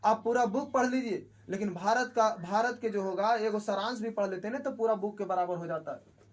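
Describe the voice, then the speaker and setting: A young male tutor speaks in a very high voice. He drills exam facts by asking questions and answering them himself. The delivery is repetitive and plain, aimed at students cramming for tests. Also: fairly quick. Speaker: teacher. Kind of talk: exam-prep lesson.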